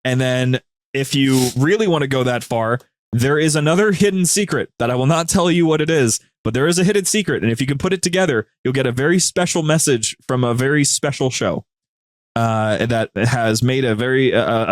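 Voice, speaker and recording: A man with a mid-range voice speaks fairly quickly, recorded with clean studio sound and no room tone. He's a podcast guest who co-hosts a media group's show, chatting casually and explaining things with enthusiastic storytelling.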